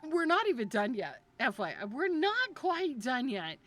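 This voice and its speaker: A female VTuber chats casually with viewers on a live stream, emotionally gushing in rambling sentences that she often restarts. Her high voice has big pitch swings and is unhurried and a bit bright, with faint music in the background.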